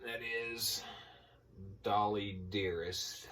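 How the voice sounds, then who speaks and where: Middle-aged man, deep voice, Appalachian hillbilly accent, informal vlog rambler, recorded at a distance from the mic. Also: steady tone, extremely slow, a bit bright, a little hiss or hum. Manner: folksy, informal. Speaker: movie collector showing a haul. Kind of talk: casual rambling haul vlog.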